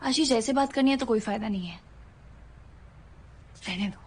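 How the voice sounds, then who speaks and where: A woman's voice: fairly high pitch, normal speed, breathy edge. An actress playing a young woman who pleads with her older partner, mixing Hindi and English in her speech. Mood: pressing. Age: young adult. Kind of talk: film dialogue.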